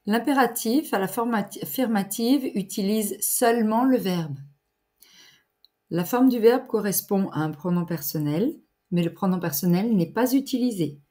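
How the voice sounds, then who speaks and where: A woman teaching grammar in a clear, deliberate lesson voice, pausing for exercises. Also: medium pitch, warm tone. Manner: deliberate, articulated teacher's delivery with pauses for exercises. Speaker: French teacher.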